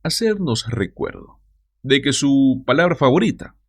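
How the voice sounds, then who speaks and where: A man's voice: mid-range voice, expressive, unhurried, husky. A man hosting a news commentary show, talking straight to his viewers with mocking asides.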